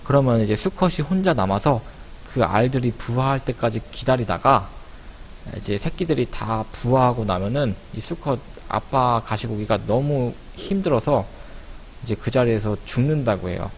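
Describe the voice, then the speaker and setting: Speaking straight to his pupils, a man teaches an online lesson for schoolchildren in a casual, conversational, explanatory way. His voice is mid-range and animated, moving at a moderate pace. There's a clear hiss in the background.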